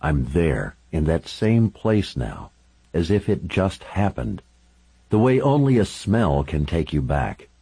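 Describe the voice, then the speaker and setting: A man narrating a first-person audiobook with a very deep, dark and husky voice. His delivery is intense and dramatic, rising and falling widely in pitch. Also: very animated, slow pace, low-quality recording.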